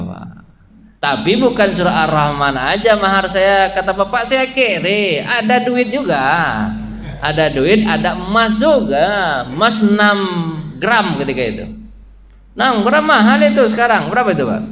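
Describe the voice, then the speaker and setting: In a mosque hall, a male preacher gives a study talk, joking with the congregation and chanting Quran verses in between. His voice sits high and a bit bright, and the room is echoey with a faint hum.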